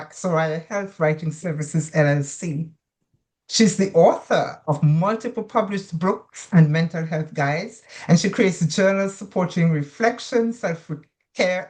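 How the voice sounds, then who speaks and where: A woman hosting a nursing interview podcast, welcoming her guest in a chatty, affirming way. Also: low voice. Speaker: podcast host.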